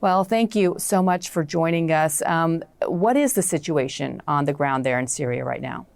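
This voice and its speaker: A woman anchoring a television news program, reading measured introductions and asking guests formal questions. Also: low voice, creaky, darkish tone, no echo. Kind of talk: broadcast news interview.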